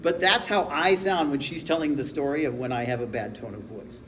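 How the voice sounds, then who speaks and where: A man's voice: medium pitch, fairly quick, a bit bright, slight background noise. A man in his forties preaching a sermon in a conversational, humorous storytelling way. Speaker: pastor. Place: church sanctuary. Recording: echoey room with faint ambience.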